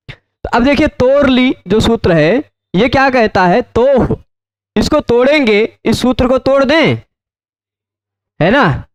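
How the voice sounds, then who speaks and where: High-voiced male Sanskrit grammar teacher. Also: no room sound, dull audio. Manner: asks students frequent check questions; repeats and spells out terms slowly. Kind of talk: explanatory lecture.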